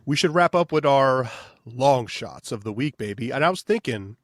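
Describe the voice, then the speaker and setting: A man's voice: mid-range voice, animated, moderate pace, no echo, clean studio sound. A man co-hosting a sports betting podcast in loose, casual chat full of fillers. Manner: loose, filler-heavy, says "baby". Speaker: podcast co-host.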